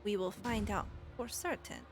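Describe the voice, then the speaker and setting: A woman voicing a small, smug imp servant in a tabletop game, speaking in a tiny, measured, taunting voice. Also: medium pitch, music in the background, lightly acted. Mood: smug, cryptic.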